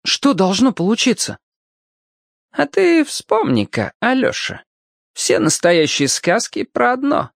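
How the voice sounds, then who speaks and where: A man's voice: high-pitched, no echo, clean studio sound, voice pushed up, exaggerated voice. A man voicing a kindly, wry old male cobbler in a storybook reading, with a quavering, folksy, teasing way of talking. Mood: musing. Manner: folksy, teasing, slow and sly. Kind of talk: audiobook character voice.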